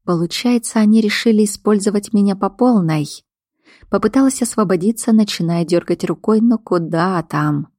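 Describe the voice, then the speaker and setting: A woman's voice: mid-range voice, normal speed, dark tone, dry recording, studio quality. A woman reading a first-person audiobook in a tense, dramatic storytelling manner. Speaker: audiobook narrator.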